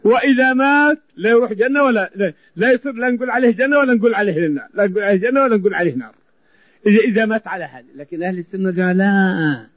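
A male preacher delivers a sermon in a high voice. He drives his points home by repeating phrases. The recording is dry and dull, lo-fi in quality. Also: lively intonation, rapid-fire, fairly bright tone, dry recording. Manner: emphatic, repeating phrases for stress.

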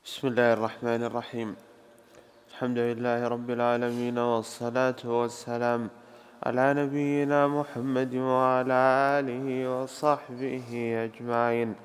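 A man formally reading a classical commentary aloud in a slow, careful recitation for his teacher. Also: mid-range voice, level tone, clear, resonant tone, big-room sound.

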